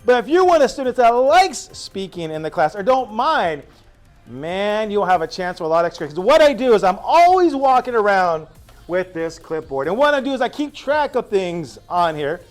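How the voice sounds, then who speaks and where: A male teacher speaks to his new class on the first day, spinning stories with drawn-out asides. His voice sits high and swings widely in pitch. Soft music plays faintly underneath. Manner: animated storytelling, drawn-out asides.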